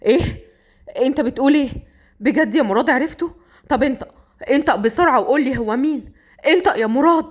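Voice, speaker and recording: A woman voicing a tough, hot-tempered young man from Upper Egypt with an Egyptian accent, speaking in a lowered, commanding voice. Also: expressive, quick pace. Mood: angry.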